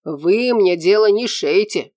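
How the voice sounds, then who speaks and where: A woman voicing a gruff, hot-tempered man of about thirty in an audiobook, grumbling and blunt. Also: mid-range voice, expressive, takes it slowly, darkish tone, dry recording, clean studio sound, voice pushed up.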